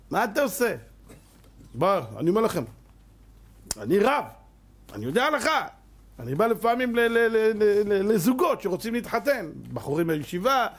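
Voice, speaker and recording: A man giving a sermon as a rabbi, telling stories and acting out both sides of the dialogue. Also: high voice. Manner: animated storyteller who acts out dialogue, often laughing.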